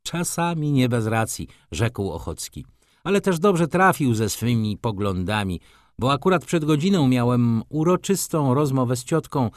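A man voicing an earnest, reflective young gentleman in an audiobook. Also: mid-range voice, dry recording, studio quality, lightly acted.

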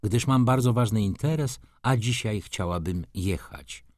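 A man's voice: fairly low pitch, measured pace, a little mellow, no echo, clean studio sound, pitched above the performer's own voice. A man reading an audiobook, voicing a haughty, capricious society lady who talks in an offended, reproachful, coquettish way.

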